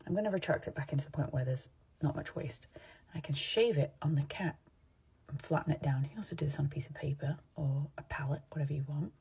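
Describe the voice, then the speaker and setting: A woman from England, her accent partly Americanized, talks through her morning makeup in a loose, rambling way. Her voice is very husky and gravelly, with a dark, mellow tone. It is recorded on a phone at home. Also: sits low, fast. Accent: English, partly Americanized. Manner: chatty and digressive, drops to soft asides. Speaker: makeup vlogger. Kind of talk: rambling casual chat while doing makeup. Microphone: phone camera.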